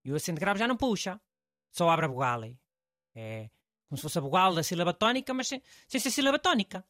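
A man's voice: high-pitched, sing-song, quick pace, pushed and bright, dry recording, clean studio sound, heavily acted. A man with a European Portuguese accent, playing a blunt know-it-all male host in comic scripted banter, offhand and teasing. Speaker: show host.

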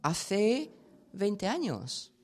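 Woman sexologist explaining stuff, slow and easy, kinda amused. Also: medium pitch, very animated, darkish tone. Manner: unhurried, storytelling, amused. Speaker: sexologist guest. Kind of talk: explanatory interview talk.

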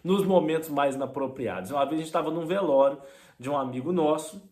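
Brazilian man, high voice, animated stand-up storyteller. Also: brisk. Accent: Brazilian Portuguese. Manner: animated, mimics his mother and friends in high voices. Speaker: comedian.

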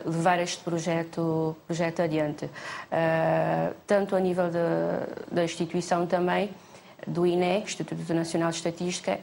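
Gravelly low woman, measured and hesitant. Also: a little mellow, slight background noise. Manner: measured, hesitant, many fillers. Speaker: statistics institute representative. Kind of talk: TV studio interview.

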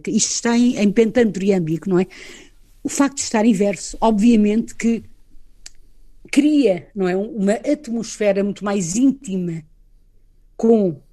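Mellow-voiced Portuguese woman explaining. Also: mid-range voice, measured pace, pauses often. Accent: European Portuguese. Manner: animated, explanatory, tag questions. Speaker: guest. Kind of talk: conversational literary discussion.

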